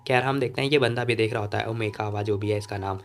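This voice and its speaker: A man's voice: on the low side, fairly even intonation, fast, slight background noise. A man narrating a comic story recap in a chatty, informal voice-over, talking to the listener like a friend.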